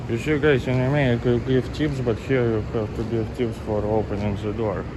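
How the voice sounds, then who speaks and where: A man from Russia with a Russian accent, chatting casually in halting, rambling English as a travel vlogger live-streaming. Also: mid-range voice, flat delivery. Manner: halting, rambling English with repeated filler words. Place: walking around city streets and shops at night. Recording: noisy city street, traffic and hum.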